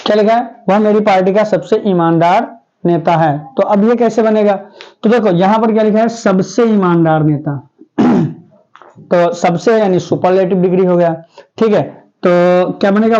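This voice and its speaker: A man's voice: high voice, normal speed, mellow, highs cut off. A male teacher giving a grammar lesson in a classroom. He keeps asking the class questions and then answers them himself.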